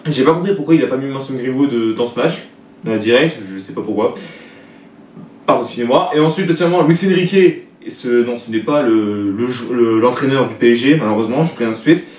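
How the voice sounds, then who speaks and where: A man's voice: medium pitch, fairly quick, darkish tone. A young man hosting a casual football match debrief, rambling with lots of filler words and restarts. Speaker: football video debrief host. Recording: echoey room, distant mic, faint noise.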